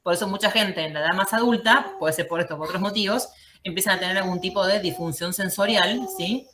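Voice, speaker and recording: A woman teaching an online class, explaining step by step and often checking in with a quick "¿sí?". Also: medium pitch, fairly bright tone, slight background noise. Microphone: video call.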